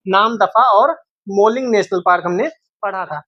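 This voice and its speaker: A man's voice: high-pitched, moderate pace, no echo. Man repeating names in a geography lesson. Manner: repeats each name several times, quizzes the viewer. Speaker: teacher. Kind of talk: exam-prep geography lesson. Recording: dull, dry, lo-fi home recording.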